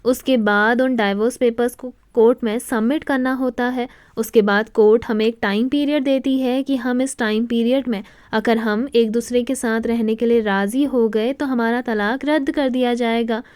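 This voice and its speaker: A woman voicing a bitter estranged husband who calmly explains what went wrong. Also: on the high side, moderate pace, few pauses, clear, resonant tone, no room sound, studio quality, close to an everyday voice.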